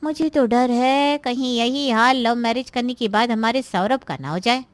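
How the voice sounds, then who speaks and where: A woman voices a scheming married daughter in a Hindi moral-story cartoon about a family drama, pitched fairly high and close to an everyday voice. She nags, complains and insinuates with open spite, gossipy and warning, at a moderate pace. The recording is close and dry with no room sound.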